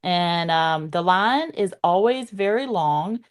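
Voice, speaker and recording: A woman's voice: fairly low pitch, expressive, slow pace. A woman with a thick Southern US accent chatting casually as a panelist. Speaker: panelist in a theme park draft game. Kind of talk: casual chat.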